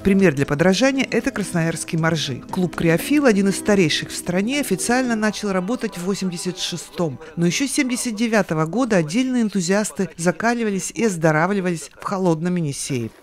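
A woman delivers a scripted TV news report as a reporter. She reads at a brisk pace, with faint music underneath. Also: on the low side, expressive.

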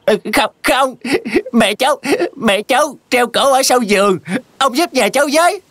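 A man's voice: very high voice, animated, normal speed, fairly bright tone, dry recording, pitched above the performer's own voice, exaggerated voice. A man voicing a frightened younger brother who stammers and cries out in panic, in a storybook horror reading. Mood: panicked.

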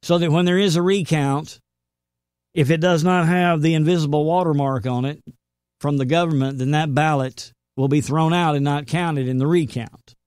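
A man's voice: fairly high pitch, steady tone, normal speed, darkish tone, smooth, dry recording, clean studio sound. A man hosting a faith show, preaching earnestly and quoting scripture. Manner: earnest, emphatic, quotes scripture. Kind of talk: sermon-style commentary.

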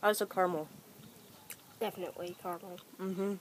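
A woman's voice: lowish voice, steady tone, fairly quick, slight background noise. A young woman talking through a partly full mouth of candy during a casual taste test, loose and chatty with lots of "like" and "kinda". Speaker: taste tester. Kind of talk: casual chat.

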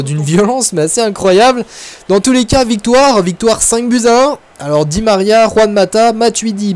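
A man with a notably high voice for his sex runs casual commentary over his own football game. He talks in a chatty, excitable way, thinking aloud as the play unfolds. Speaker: gaming video host.

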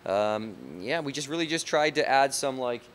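At a moderate pace, this bar owner in his thirties talks in a casual on-site interview with a medium-pitched, slightly bright voice, dropping plenty of "um" and "you know." A handheld reporter mic records him first on an outdoor street and then inside a large bar and bowling hall, with slight background noise.

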